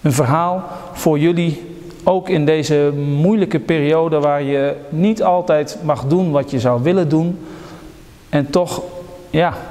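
A pastor reading a children's story and scripture aloud in a church service, calm and steady. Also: male voice, fairly high pitch, big-room sound. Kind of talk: sermon with Bible reading.

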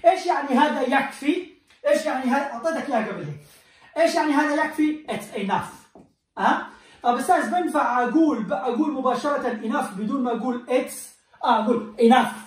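A man teaching an English lesson in a classroom, quizzing his students in a lively way. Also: very high-pitched, quick pace. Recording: roomy, distant mic.

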